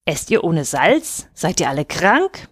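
A woman voicing a suspicious army officer, speaking slowly and threateningly. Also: low-pitched, big pitch swings, husky, dry recording, studio quality, exaggerated voice. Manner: slow, threatening. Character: angry suspicious colonial army officer, man.

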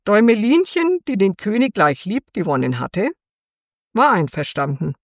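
A woman reading a fairy tale aloud for children in a gentle, expressive storytelling manner. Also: medium pitch, moderate pace, no echo, clean studio sound.

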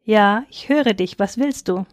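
Storybook casting: gracious, grateful sun prince, read by a woman, soft and dry. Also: medium pitch, unhurried, dry recording, close to an everyday voice. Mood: kindly. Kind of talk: storybook reading.

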